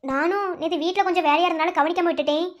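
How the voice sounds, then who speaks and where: A woman voicing a caring village sister-in-law in a cartoon, with a Madurai Tamil accent. She gives orders briskly and soothes others. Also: extremely high pitch, steady tone, dull audio. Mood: urgent. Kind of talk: cartoon voice acting.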